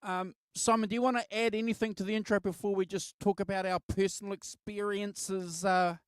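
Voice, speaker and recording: A middle-aged man hosting a casual music album chat, halting and repeating words as he reminisces. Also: sits high, level tone, clear, resonant tone, no room sound. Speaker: host of a music album show.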